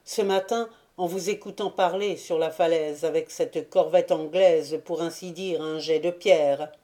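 A woman reading the lines of a stern, measured male naval officer in a storybook. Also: deep voice, steady tone, mellow. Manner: measured, severe.

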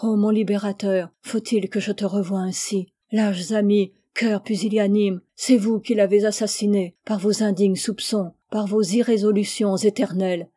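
A woman's voice: medium pitch, fairly even intonation, moderate pace, hardly any pauses, dark tone, lightly acted. A woman reading aloud and voicing a desperate, passionate young native woman with an urgent delivery. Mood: anguished.

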